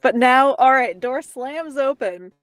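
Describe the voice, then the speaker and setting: A woman's voice: high voice, lively intonation, takes it slowly, fairly bright tone, no echo, studio quality, faint music behind. A woman playing in a tabletop game, chatting playfully and narrating her character's actions. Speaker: player. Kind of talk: casual tabletop play and in-character lines.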